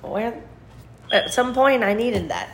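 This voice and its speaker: A woman's voice: fairly high pitch, lively intonation, measured pace, vocal fry, a crowd in the background. A woman chatting casually and laughing easily during a livestreamed home Bible study. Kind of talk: casual chat.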